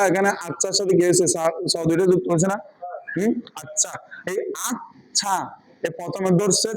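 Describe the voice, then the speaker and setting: A man's voice: high voice, low-quality recording. A man teaching Quran reading in a class, quizzing students patiently with repeated questions. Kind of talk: online class lesson.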